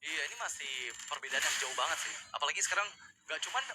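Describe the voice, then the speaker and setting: A man with an Indonesian accent calls an esports match like a fighting game announcer. His voice is high and he talks very fast with urgency, over a clearly noisy commentary feed. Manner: excited, urgent calling of kills.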